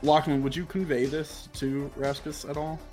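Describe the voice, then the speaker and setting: A man's voice: a little high, level tone, normal speed, a little mellow, faint music behind. Man running a tabletop game. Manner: rambling, heavy use of "like". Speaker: game master.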